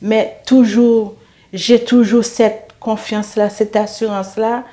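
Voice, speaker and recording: A middle-aged woman speaks slowly and evenly, her voice mellow and dark with little rise or fall. She shares an earnest faith testimony, hesitating and repeating words as she gathers her thoughts. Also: fairly high pitch, fairly even intonation. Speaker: interview guest giving a testimony.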